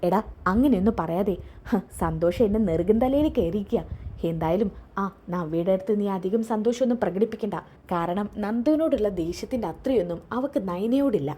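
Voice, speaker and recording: A scheming mother who gloats over a rival's misfortune, voiced by a woman retelling a serial. She talks low and conspiratorially, in a mellow, husky voice. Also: lively intonation, brisk. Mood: gloating. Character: scheming middle-aged mother plotting with son.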